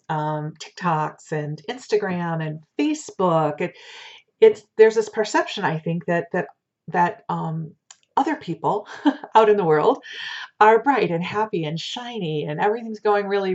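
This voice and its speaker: Woman doing fortune teller oracle card reading, lowish voice, chatty n reassuring, kinda dull lo-fi audio. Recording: dull lo-fi sound.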